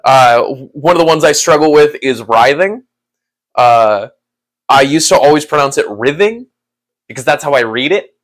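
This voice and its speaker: A man hosting a casual livestream who rambles in a relaxed way, laughs often and talks to his chat. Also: medium pitch, a little fast. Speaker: livestream host.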